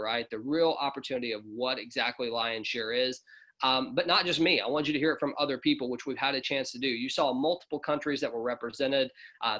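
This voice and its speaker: Man, host of a video call, quick talker, bright forceful voice, energetic and upbeat. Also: mid-range voice. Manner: energetic, hypes up the audience. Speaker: host of an online overview call. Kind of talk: upbeat promotional call hosting.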